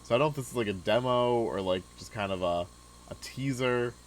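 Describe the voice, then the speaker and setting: A young man casually commenting on a game he is playing, relaxed and chatty, with many filler words. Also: medium pitch, brisk, slight background noise, low-quality recording. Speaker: gaming video host. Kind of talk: casual let's-play commentary.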